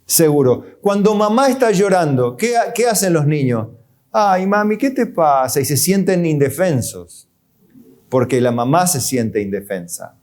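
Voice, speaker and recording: A man's voice: on the high side, sing-song, moderate pace, a little mellow. A man pastor with an Argentine accent, preaching a sermon in a conversational way, full of rhetorical questions and light chuckles. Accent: Argentine Spanish.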